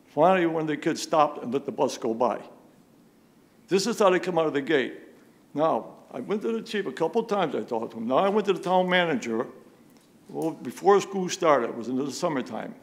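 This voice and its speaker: A man speaking during public comment at a town meeting, pressing his complaint with repeated rhetorical questions. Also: fairly high pitch. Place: town police commission meeting room.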